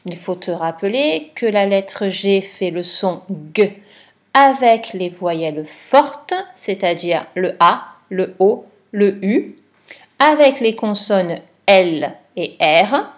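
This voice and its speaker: Female teacher, unhurried dictation voice, patient, clear spelling. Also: mid-range voice, expressive. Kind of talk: slow dictation lesson for a child.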